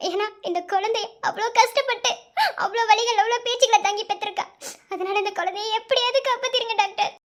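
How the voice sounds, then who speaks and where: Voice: very high voice, steady tone, fast, fairly bright tone. A voice actor playing a young mother who pleads and repeats herself, frantic and tearful over her sick child. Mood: pleading.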